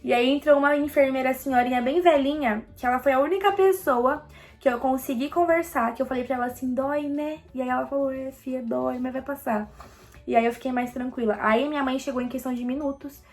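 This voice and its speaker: Young brazilian girl telling her story, kinda high voice, acts out the quotes. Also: fairly even intonation, quick pace, a little mellow. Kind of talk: casual storytelling vlog.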